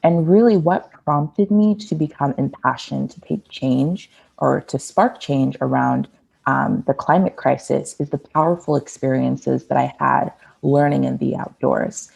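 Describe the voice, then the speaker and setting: A woman's voice: very deep voice, unhurried, creaky, a little mellow, slightly rough, low-quality recording. A nineteen-year-old woman from the Washington, D.C. area answering interview questions, earnest and eager. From Washington, D.C. area, USA. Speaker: activist guest.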